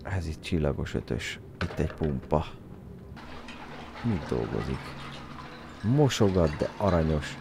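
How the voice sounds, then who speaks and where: A man with a deep, gravelly voice gives joking let's-play commentary. He turns excitable and shouts up into a high register at his game character. His pitch moves all over the place, and the recording carries a steady hiss of noise. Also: long pauses. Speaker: game streamer.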